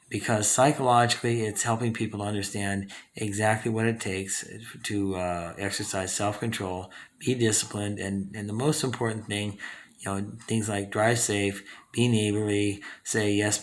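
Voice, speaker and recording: A man in his fifties from Southern California, hosting his own channel in a rambling monologue full of fillers and restarts. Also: on the low side. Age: 50s. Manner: rambling, with many fillers and self-corrections. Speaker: channel host. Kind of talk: casual talking-head monologue.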